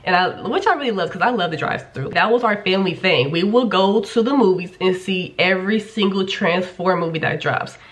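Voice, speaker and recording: A woman in her twenties from Kansas City, Kansas, talks candidly in a casual get-to-know-me vlog. Her voice is on the low side, expressive and brisk with few pauses, and a cold leaves it slightly nasal. She swears casually and uses lots of fillers.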